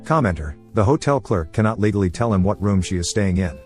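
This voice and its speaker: Low voiced guy speed-reading forum drama, quiet guitar behind. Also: expressive, fairly quick. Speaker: narrator of online forum posts. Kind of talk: fast scripted story reading.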